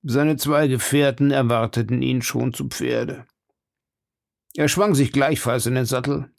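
A man reading a classic novel aloud in steady, measured scripted narration. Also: medium pitch, creaky, no echo, studio quality. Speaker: audiobook narrator.

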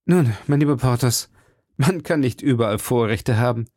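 A man voicing a courteous young cavalier in an audiobook reading, speaking in a calm, reassuring way. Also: mid-range voice, moderate pace, no echo, clean studio sound, lightly acted. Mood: teasing.

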